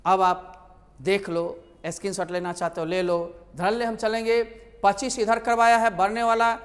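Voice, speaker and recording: A man's voice: high-pitched, level tone, moderate pace, in a large hall. A male teacher, explaining English grammar in a lecture. He asks his own questions and answers them.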